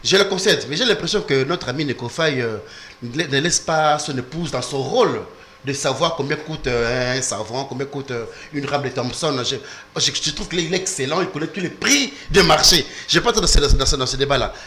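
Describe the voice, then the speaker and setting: A man's voice: mid-range voice, a little fast, sharp tone, slight background noise. A man on a televised political debate panel, defending his side insistently and talking over the others. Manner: insistent, talks over others, repeats "s'il vous plaît".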